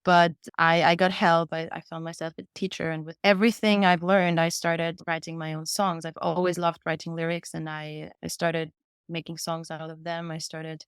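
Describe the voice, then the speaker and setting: A Viennese woman in her twenties, a German-speaking singer-songwriter, tells her own story as a podcast guest, answering interview questions earnestly and candidly. Her voice is low and smooth, with a level tone at normal speed. The recording is dry, with clean studio sound.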